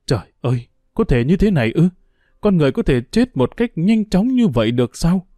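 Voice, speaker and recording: A man voicing an earnest, caring young gentleman in an audiobook. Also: mid-range voice, expressive, brisk, no echo, clean studio sound, natural voice. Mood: shocked.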